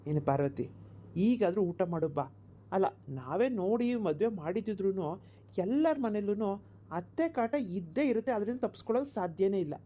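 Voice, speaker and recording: A woman voicing a calm middle-aged village husband in a cartoon, gently coaxing his wife to eat. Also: mid-range voice, normal speed, slight background noise, close to an everyday voice. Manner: soothing, coaxing. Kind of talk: cartoon voice acting.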